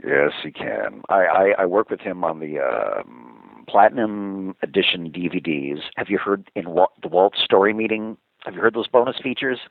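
A man with a low, gravelly, somewhat husky voice talks as an interview guest, his pitch swinging widely as he tells stories with eager enthusiasm. The sound is dry and thin, as if it came over a phone line. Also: normal speed, dry recording. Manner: animated, enthusiastic storyteller. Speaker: voice actor guest. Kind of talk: casual interview chat.

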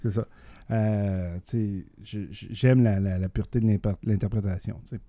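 Middle-aged Québécois man, deep mellow voice, dry close sound, loose rambling chat. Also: fairly even intonation, moderate pace, dry recording. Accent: Québécois French. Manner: rambling, many restarts and fillers, laughs often. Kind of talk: casual chat.

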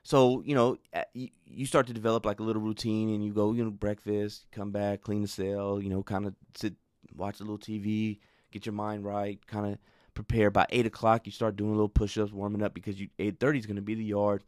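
A man with a fairly low voice talks in a loose storytelling way, padding his sentences with fillers. He grows animated when he recounts something that annoyed him. The recording is dry, with little room sound. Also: brisk, dry recording. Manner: rambling, filler-heavy, conversational. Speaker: show host. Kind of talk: casual storytelling talk.

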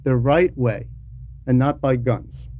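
A religious teacher reads a translated homily to his class with a deliberate, didactic delivery, pausing between short phrases, repeating words for emphasis, and posing rhetorical questions. His voice sits at a medium pitch. The recording is dull and lo-fi, with faint noise.

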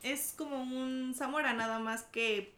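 A young woman with a Mexican accent chats casually as a podcast co-host. Her voice is bright and fairly high, and she rambles on with plenty of fillers. The room around her is noticeably echoey. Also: fairly even intonation, unhurried, a little hiss or hum. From Mexico City. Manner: chatty, rambling with many fillers. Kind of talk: casual chat.

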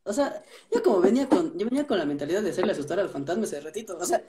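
A man with an Ecuadorian accent, telling stories in an animated casual chat, restarting his sentences often. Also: sits high, rapid-fire, over a noisy crowd. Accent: Ecuadorian Spanish. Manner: animated storytelling, many restarts.

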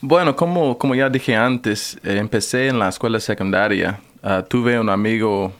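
American guy, english native, low-ish voice, stumbles and restarts a lot answering radio questions. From United States. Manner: halting, frequent restarts, learner's Spanish. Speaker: radio guest. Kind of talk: casual interview answers.

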